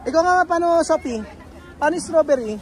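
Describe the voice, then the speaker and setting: A woman vlogging outdoors, chatting with children in a lively, coaxing way and switching between languages. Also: high voice, fairly quick. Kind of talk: casual vlog chat with children. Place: busy street outdoors. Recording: crowd and music noise outdoors. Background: street crowd and music.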